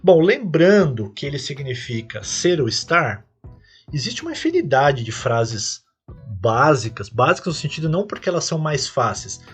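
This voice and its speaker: A man's voice: on the high side, very animated, moderate pace, slightly rough, faint music behind. A man with a Brazilian Portuguese accent hosting a podcast lesson as an English teacher, explaining patiently step by step and lifting his voice on each English example phrase.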